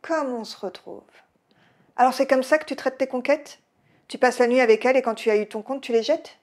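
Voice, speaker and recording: A woman's voice: a little high, expressive, moderate pace, creaky, slightly rough, exaggerated voice. A woman reading as a drunk furious girl. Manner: angry, raised voice. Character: tipsy, furious young woman.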